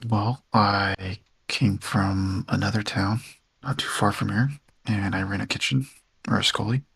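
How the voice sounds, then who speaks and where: A man's voice: on the low side, steady tone, a little slow, creaky, fairly bright tone, slightly rough, dry recording, full character voice. A man voicing an earnest male bird-folk adventurer, a former cook, in his own everyday voice. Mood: grim.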